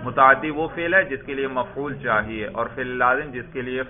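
A man's voice: mid-range voice, steady tone. A man giving a grammar lesson, reading Arabic text aloud, then explaining it, asking his students questions and answering them himself. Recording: tinny phone-like lo-fi sound.

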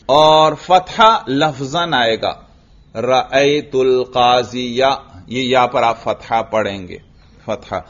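A man teaching an Arabic grammar lesson, asking his students questions, answering them himself, and drawing out the example words slowly. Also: mid-range voice, fairly bright tone. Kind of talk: classroom lesson. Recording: dull lo-fi recording.

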